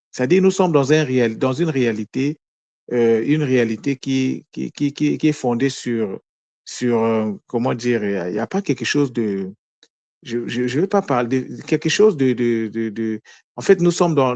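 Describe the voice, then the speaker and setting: A man's voice: mid-range voice, a little mellow, no echo. A man explaining the meaning of a word as a spiritual teacher, often stumbling over repeated words as he searches for phrasing and answering his own questions. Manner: asks himself questions then answers them.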